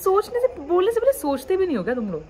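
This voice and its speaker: A woman's voice: very high voice, wildly swooping pitch, fast talker, darkish tone. A young woman in her twenties from the Uttarakhand hills, venting frankly to her viewers, frustrated, mixing English phrases into her talk. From Uttarakhand, India. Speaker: vlogger. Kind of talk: candid talk to camera.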